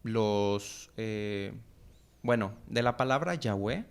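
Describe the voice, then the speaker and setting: Man with a smooth voice explaining. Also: lowish voice, slow. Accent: Mexican Spanish. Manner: explanatory, friendly, with many fillers and tag questions. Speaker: podcast co-host teaching Bible. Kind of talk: casual Bible teaching chat. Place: church podcast studio.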